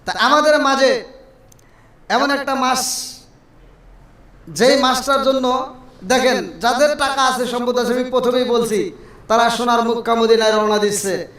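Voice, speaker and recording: A preacher delivers a Friday sermon, his voice set very high. He recites Arabic verses and throws questions to the congregation. The sound is recorded from far off and rings with strong echo through the mosque. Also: measured pace, long pauses, fairly bright tone. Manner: calls out questions for the crowd to answer. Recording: very echoey mosque hall from far off.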